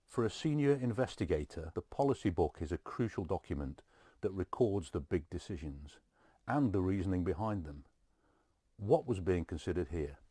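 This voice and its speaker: Brief: very low, mellow male voice, calm and advisory, dry close sound. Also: husky, no echo. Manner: calm, advisory, asks rhetorical questions. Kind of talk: expert commentary in conversation.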